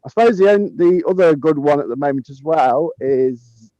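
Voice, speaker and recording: In this casual garden tour, the head gardener talks warmly at a moderate pace in a slightly high voice, chuckling often between ums. He films outdoors on a handheld phone while walking through the sunny garden; there's no room sound and the highs are cut off.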